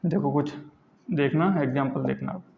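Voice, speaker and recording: Male grammar teacher, fairly high voice, drills examples by repetition, roomy classroom sound. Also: creaky, slight background noise. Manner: repeats examples slowly, asks and answers his own questions. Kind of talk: classroom lesson explaining pronunciation rules. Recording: echoey lo-fi classroom recording.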